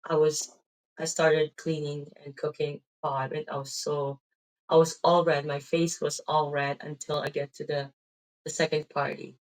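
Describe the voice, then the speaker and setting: Her voice deep and barely moving in pitch, a weary middle-aged Filipino woman speaks at a normal speed about her faith. The talk is casual and rambling, dotted with "um"s and "right?", and the audio is poor.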